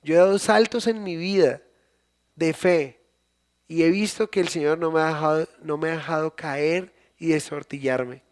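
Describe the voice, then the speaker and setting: A man with a notably high voice delivers a live church sermon. He keeps asking the congregation questions and circles back over his phrases to drive points home. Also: moderate pace, clear, resonant tone. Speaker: pastor. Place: church service, recorded live.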